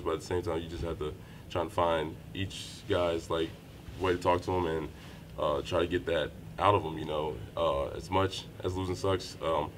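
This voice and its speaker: Speaking into handheld reporter mics held near him, a young adult college basketball player answers questions after the game. His voice is low and flat, his manner measured and low-key with frequent fillers, and the setting is a small indoor room beside a wall with a little background noise.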